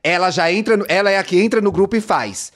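A man's voice: sits high, fast, fairly bright tone. A man, co-hosting a podcast over a video call, playful and mock-offended in casual chat. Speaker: podcast co-host.

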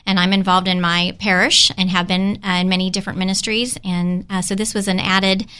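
A woman's voice: mid-range voice, level tone, a little fast, sharp tone, clean tone. A woman from Kansas, a school administrator, answering interview questions earnestly with many fillers. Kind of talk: casual interview.

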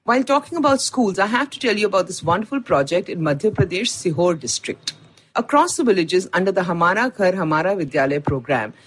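Indian woman podcast host, husky tone, animated upbeat read. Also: mid-range voice, low-quality recording. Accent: Indian English. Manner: upbeat, enthusiastic storytelling. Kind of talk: scripted podcast narration.

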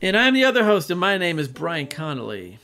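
A man co-hosting a film podcast, chatting casually with lively enthusiasm. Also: high voice, fairly quick, soft background music, heavily acted. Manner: lively, laughs easily, enthusiastic. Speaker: podcast co-host.

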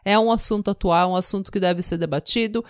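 A woman's voice: medium pitch, fast, dry recording. Chatty Brazilian woman, dry close sound. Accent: Brazilian Portuguese. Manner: chatty, reacts with gasps and jokes. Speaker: podcast co-host. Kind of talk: casual podcast chat.

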